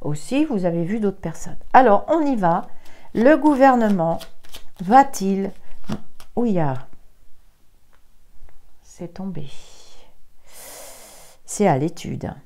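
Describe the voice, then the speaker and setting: A woman's voice: medium pitch, expressive, slow pace, long pauses, dark tone. A woman medium doing a tarot reading on a live stream, chatting to viewers and exclaiming as she counts out her cards. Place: indoors at a desk with a camera.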